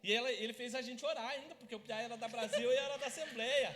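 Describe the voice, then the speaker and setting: High, bright-voiced preacher man. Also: fast talker. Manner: lively storytelling, acts out family scenes. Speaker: pastor. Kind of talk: sermon with personal stories. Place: church hall. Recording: church hall reverb.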